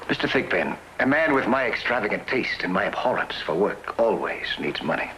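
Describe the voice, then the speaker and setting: An actor playing a smooth-talking, lazy drifter with florid, courteous and pompous speech in a western comedy. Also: male voice, fairly low pitch, big pitch swings, brisk, bright, forceful tone, a little hiss or hum, low-quality recording. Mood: pompous, feigned innocence. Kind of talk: western screen comedy acting.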